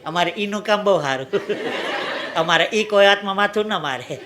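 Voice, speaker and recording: A man doing live stand-up comedy, telling jokes and stories and slipping into bits of song and shouted voices. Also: high-pitched, normal speed. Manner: jokey storyteller, sings snatches and shouts voices. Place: stage before a live audience. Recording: live stage recording with crowd laughter and noise.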